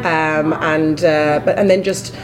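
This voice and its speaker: A woman gives casual interview answers in a croaky, frog-like voice, hoarse with a touch of flu. She sits on the low side and speaks haltingly and thoughtfully. Clear crowd chatter fills the space behind her. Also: fairly even intonation, rough recording. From Canada. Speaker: interview guest, credit union employee. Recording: busy conference chatter behind. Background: crowd at a conference.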